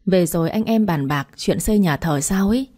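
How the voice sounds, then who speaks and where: A woman voicing a chatty middle-aged sister-in-law calling on the phone, with a brisk, friendly manner. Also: lowish voice, animated, warm tone.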